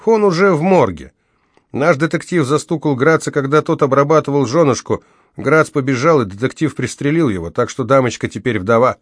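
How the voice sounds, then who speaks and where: A man's voice: mid-range voice, animated, a little fast, no room sound, studio quality, voice pushed up, close to an everyday voice. A man voicing a blunt, matter-of-fact police officer in an audiobook. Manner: blunt, factual.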